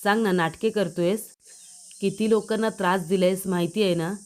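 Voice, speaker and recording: A woman's voice: mid-range voice, steady tone, moderate pace, darkish tone, lightly acted. A woman voicing a furious young man who threatens and taunts a villain in a retold TV drama scene.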